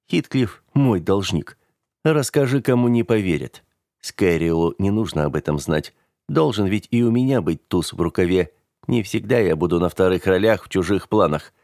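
A man reads a first-person audiobook with a steady, matter-of-fact delivery. His voice sits low. The sound is dry and close to the mic. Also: no echo. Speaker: audiobook reader.

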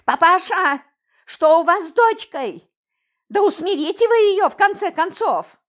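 A woman's voice: very high voice, animated, measured pace, voice pushed up. A woman voicing an indignant, bossy woman who calls out in a ringing voice. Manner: ringing, demanding.

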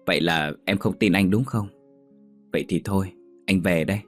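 A man reading a story, voicing a smooth-talking, manipulative young man who coaxes. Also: deep voice, normal speed, soft background music. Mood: sulking. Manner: coaxing.

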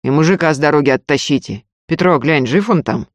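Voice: medium pitch, animated, a little fast, no echo, natural voice. A reader voicing an older male robber who gives curt, muffled orders. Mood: grim. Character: older male robber, dull-voiced and grim.

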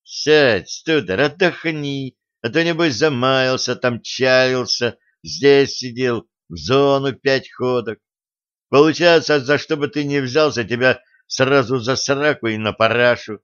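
A man playing a calm young man in a spoken storybook, cool and sarcastic, unhurried and needling. His voice is smooth and clear, with a slightly muffled lo-fi sound. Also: fairly high pitch, no echo, pitched above the performer's own voice, lightly acted. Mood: mocking.

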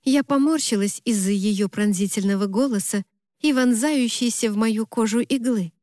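A woman reading a first-person novel aloud in an even, measured storytelling manner, close to the mic. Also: mid-range voice, dry recording. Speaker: audiobook narrator.

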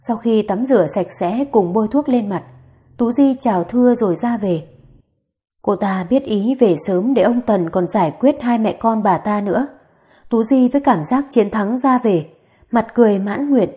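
A woman narrating an audiobook story with a steady, dramatic reading. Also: medium pitch.

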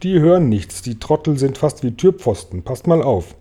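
A man's voice: medium pitch, sing-song, normal speed, dark tone, voice pushed up. A man voicing a cheeky, boastful centipede in a storybook, brash and mocking. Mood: boisterous.

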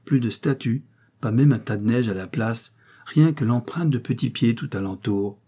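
A man reads a classic tale in an expressive, measured way. His voice is husky and dark, with a mellow, relaxed tone. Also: medium pitch. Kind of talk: scripted story narration.

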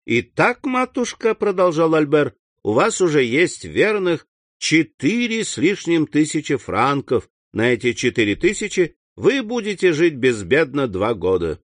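A man's voice: on the high side, big pitch swings, measured pace, no echo, pitched above the performer's own voice. A man reading as an earnest, devoted young son. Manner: fervent, eager, raising his voice on key words.

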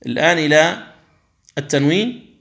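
A man teaching Quran recitation. He explains each rule slowly and carefully, then stretches the examples out into chanted recitation, and sometimes contrasts a wrong reading with the right one. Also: fairly high pitch, lively intonation, creaky, a bit bright, a little hiss or hum.

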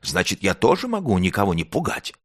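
A man's voice: deep voice, huge pitch swings, fairly quick, breathy edge, dry recording, studio quality, voice pushed up, exaggerated voice. A man voicing a bashful little wolf cub in a storybook, mumbling and hesitant. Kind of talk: storybook reading.

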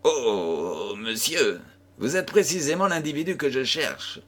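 Man doing a high, trembling little man. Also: expressive, measured pace, a bit bright, slightly rough. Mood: eager. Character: small nervous man, frightened and pleading.

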